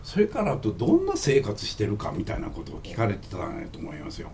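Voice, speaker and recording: A man's voice: fairly low pitch, fast talker, slight background noise. A man with a Kansai accent who tells stories in a joking, casual way as an interview guest. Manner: joking, animated storyteller. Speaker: interview guest, company founder. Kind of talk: casual storytelling in conversation.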